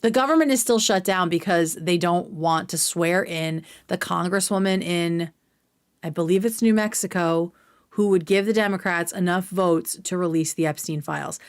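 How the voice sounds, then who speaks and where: Smooth and on the low side, this American woman's voice moves at normal speed as she hosts a livestream reacting to clips. She gives blunt, sweary, opinionated commentary in a conversational way.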